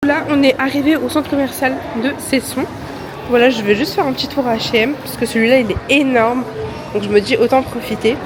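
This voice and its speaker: With music under her voice and some background noise, a young woman with a head cold chats brightly to her phone for a vlog, using plenty of slang. She speaks a little fast in a high voice with fairly even intonation.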